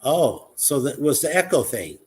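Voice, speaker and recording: A man's voice: a little high, very animated, moderate pace, darkish tone. A man speaking earnestly as a guest on a live online talk show, in casual conversation.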